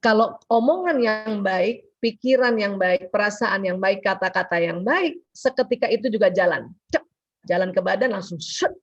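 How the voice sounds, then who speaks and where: A woman giving a lively religious health talk as guest speaker on a video call, acting out quoted dialogue as she goes. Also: mid-range voice, moderate pace. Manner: animated, acts out quoted dialogue. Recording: dull lo-fi call audio.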